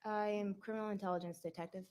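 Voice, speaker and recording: A woman police detective giving measured, factual courtroom testimony. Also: medium pitch, steady tone, darkish tone.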